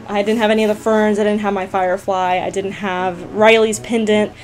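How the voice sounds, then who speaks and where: A young woman gaming vlogger, telling a story casually to camera, chatty and excitable, full of "like" and "you guys". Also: mid-range voice, brisk. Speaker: gaming YouTuber answering viewer questions.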